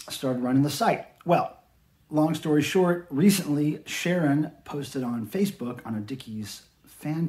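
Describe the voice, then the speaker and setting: This middle-aged American vlogger has a fairly high pitch and a darkish tone, and he talks casually and folksily, much like a home unboxing video. He's also a record collector and fan site manager, speaking in a small room in his home.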